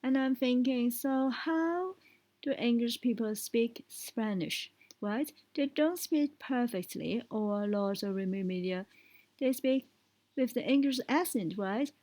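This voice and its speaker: A woman teaching English speaking tips, explaining step by step and often checking in with a quick question. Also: a little high, mellow, rough recording. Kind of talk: spoken language lesson.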